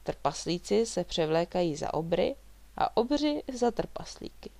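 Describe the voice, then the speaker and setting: A woman reads a children's story aloud with a lively, expressive voice that rises and falls a lot. Her tone has a gravelly edge, and the sound is dry and close. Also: on the low side, dry recording.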